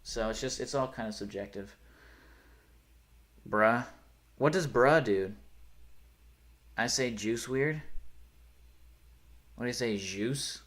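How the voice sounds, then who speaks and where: On a live stream, a young man with a slight rural Pennsylvania accent talks casually, slowly and with frequent pauses, at a medium pitch that's a bit bright. He rambles, self-corrects, and often lets sentences trail off, then starts again.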